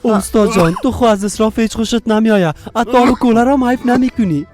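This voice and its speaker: A man's voice: sits high, music in the background, natural voice. An actor dubbing a young worker who fusses over his sick master with eager questions. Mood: concerned. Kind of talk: dubbed TV drama.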